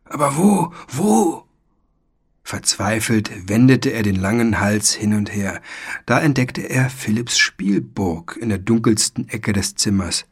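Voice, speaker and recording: A man narrating a children's storybook in an expressive, dramatic way. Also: fairly low pitch, measured pace, breathy edge. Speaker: audiobook narrator.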